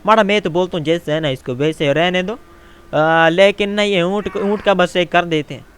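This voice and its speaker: A man voices a quarrelsome Pathan tent builder in a game role-play, grumbling and arguing in Pashto-accented Urdu with broken grammar and a habit of saying "maada". His voice is high-pitched, a bit bright and clean, at a moderate pace.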